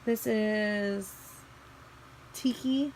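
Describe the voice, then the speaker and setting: Very slow and steady, this young woman speaks in a mid-range voice with a darkish tone that allergies have made a little scratchy. She's a Missouri beauty vlogger chatting indoors in her bedroom about her makeup collection. She rambles casually, restarting in small ways as she goes.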